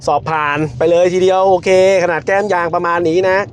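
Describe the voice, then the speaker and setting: A man reviewing a car from behind the wheel, counting down launches and shouting in excitement at the speed. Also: high-pitched, fast talker, slight background noise. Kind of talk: car review while driving. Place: inside a car on the road.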